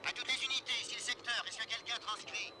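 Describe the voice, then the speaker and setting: Crisp police radio dispatcher. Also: male voice, extremely high pitch, fast, noisy background. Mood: businesslike. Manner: clipped, flat radio call-out delivery. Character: male police radio dispatcher, brisk and businesslike. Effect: police radio transmission.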